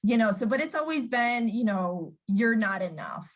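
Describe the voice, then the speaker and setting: A woman's voice: fairly high pitch, lively intonation, normal speed. A woman, chatting casually as an interview guest and telling stories full of fillers. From New York, USA. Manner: chatty storyteller with many fillers, acting out quoted voices.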